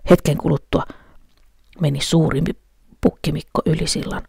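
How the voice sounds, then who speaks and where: A woman storyteller reading a children's story aloud at a gentle, unhurried pace. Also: sits low, fairly even intonation, gravelly, husky, no room sound, clean studio sound.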